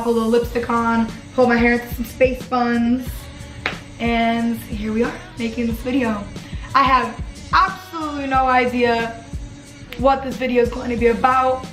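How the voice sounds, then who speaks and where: A woman's voice: fairly high pitch, reverberant, poor audio. A woman in her twenties chatting casually in her dorm room as a vlogger, filling her talk with "like". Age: 20s. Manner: chatty, lots of "like" fillers. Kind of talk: casual chat.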